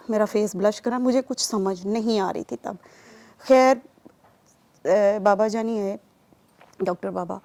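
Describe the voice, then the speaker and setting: A woman's voice: a little high, a little mellow. A woman from Pakistan giving an earnest personal testimony in an interview, growing emphatic and pleading as she recounts. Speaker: testimony giver.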